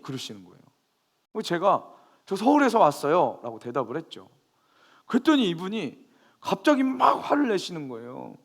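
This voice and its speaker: A man pastor preaching a sermon, telling a story with lively bursts of raised emphasis. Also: a little high.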